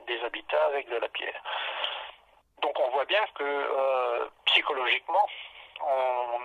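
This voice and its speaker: A man explaining his research in an unscripted interview, haltingly, often searching for words and rephrasing as he goes. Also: mid-range voice, gravelly, slightly rough, phone-quality sound.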